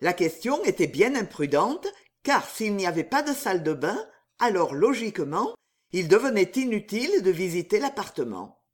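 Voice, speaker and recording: A woman narrating a literary story, expressive and measured. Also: mid-range voice.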